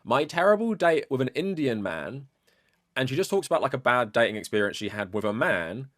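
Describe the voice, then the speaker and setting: A man narrating a commentary video in a steady, explanatory way. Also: medium pitch, brisk, no room sound, studio quality. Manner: steady, explanatory, many "like" fillers. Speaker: video essay creator.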